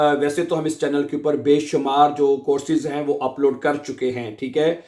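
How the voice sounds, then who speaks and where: A man's voice: on the high side, darkish tone. A man teaching a casual online language lesson, chatty and repetitive, often checking that viewers follow along. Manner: chatty, repeats "theek hai" often, checks understanding. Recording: roomy echoey room.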